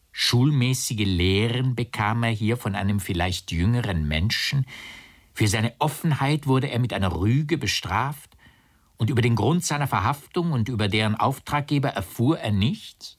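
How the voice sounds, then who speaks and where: A man giving an expressive, dramatic reading of a literary text as an audiobook narrator. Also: mid-range voice. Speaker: audiobook reader.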